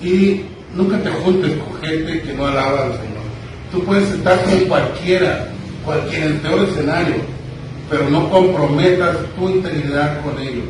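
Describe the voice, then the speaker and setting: A man's voice: fairly high pitch, normal speed. A man preaching a sermon, telling the story with emphatic repetitions. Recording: echoey hall, distant mic, noisy.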